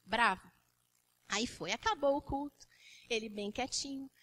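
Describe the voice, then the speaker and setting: A woman with a Brazilian Portuguese accent preaching a sermon to a church, telling a story with animated, repetitive emphasis. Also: on the high side, measured pace, slightly rough.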